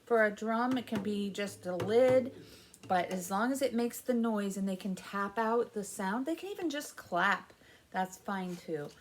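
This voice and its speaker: This library story time presenter, a woman in her fifties, entertains babies with rhymes and songs, using an overdone sing-song way of speaking and chanting. She sounds animated, medium in pitch and a little slow. Faint background noise is heard in the small room with its alphabet backdrop.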